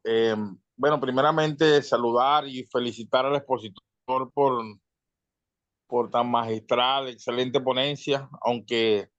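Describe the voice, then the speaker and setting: A man from Venezuela giving an earnest, measured comment in an online panel, pausing with fillers. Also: medium pitch, no echo. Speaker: audience member asking. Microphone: video call. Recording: dull lo-fi video call audio.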